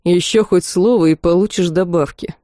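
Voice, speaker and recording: A woman's voice: fairly low pitch, normal speed, warm tone, no echo, clean studio sound, natural voice. A woman voicing a curt, threatening young male battle mage in a storybook reading. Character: young dark-haired male battle mage, cold and menacing.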